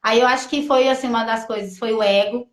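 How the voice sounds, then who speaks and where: Woman telling a halting testimony. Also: fairly high pitch, steady tone. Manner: halting, full of restarts and quoted self-talk. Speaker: testimony guest. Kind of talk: emotional personal testimony. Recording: echoey room.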